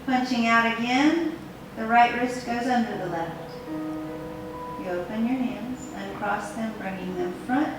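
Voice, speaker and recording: A woman leading guided tai chi as an instructor, giving step-by-step movement directions in unhurried, measured phrases. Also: on the high side. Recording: very echoey room, distant mic, music behind.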